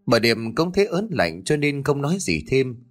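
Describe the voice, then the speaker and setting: A man narrating a horror story in a dramatic, expressive manner. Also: mid-range voice, moderate pace. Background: faint music.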